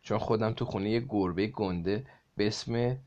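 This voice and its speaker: A man reading a children's story aloud to a child in a lively way, stopping to explain words. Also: on the low side, lo-fi sound.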